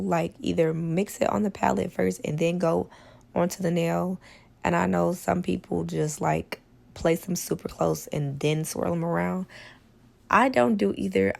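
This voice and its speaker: A woman hoarse from a cold, with a smoker's rasp, giving a casual tutorial voice-over as a nail tech. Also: lowish voice, darkish tone. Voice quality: smoker's rasp, gravelly, voice cracking. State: hoarse from a cold and sore throat. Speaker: nail tech doing a product test tutorial.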